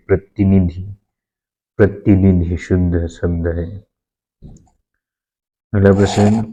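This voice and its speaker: Slow, deep-voiced man teaching. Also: dark tone, dull audio. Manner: slow, repeats answers aloud. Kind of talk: exam practice lesson.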